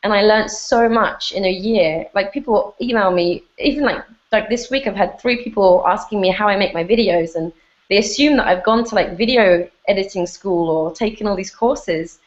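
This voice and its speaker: A woman's voice: mid-range voice, normal speed, lo-fi sound. A woman guest on an online hangout, chatting casually and loosely, with "like" scattered through her speech. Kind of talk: casual conversational interview.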